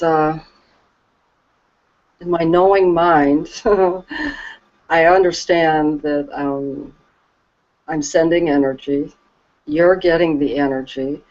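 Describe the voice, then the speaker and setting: A woman talking slowly and reflectively about her calm as a Reiki practitioner, soft and hesitant with many pauses and restarts. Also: low-pitched. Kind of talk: slow reflective conversation. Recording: dull lo-fi recording.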